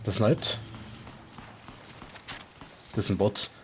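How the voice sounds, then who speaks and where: A man's voice: fairly low pitch, fairly even intonation, drawn-out words, heavy background noise. A man bantering and joking in slang while playing an online game with friends over a headset mic. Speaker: gaming squad member. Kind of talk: casual gaming chat.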